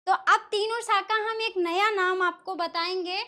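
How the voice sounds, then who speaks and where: High, bright-voiced woman teaching slowly. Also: fairly even intonation. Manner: explains step by step, asks questions and answers them herself. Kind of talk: classroom lesson explaining Sanskrit pronunciation.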